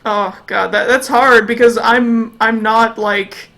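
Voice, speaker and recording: Woman host, game let's play, giggly and quick, playful casual chat. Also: fairly high pitch, fairly even intonation, gravelly, a bit bright. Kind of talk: casual banter.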